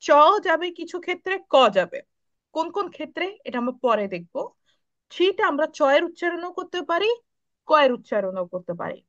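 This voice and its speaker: High, bright-voiced woman teaching pronunciation. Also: very animated, dull audio. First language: Bengali. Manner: patient, repeats sounds slowly for students. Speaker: Italian language teacher. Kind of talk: online class, pronunciation drills. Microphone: video call.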